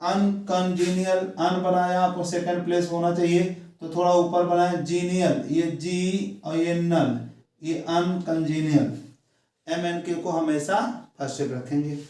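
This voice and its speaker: A man from India with a North Indian accent, teaching a shorthand lesson slowly and step by step, repeating each word. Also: high voice, level tone, warm tone. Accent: Hindi-speaking North Indian. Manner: slow, repetitive, step-by-step explaining. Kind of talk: classroom shorthand dictation lesson. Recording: echoey room, voice from far off mic.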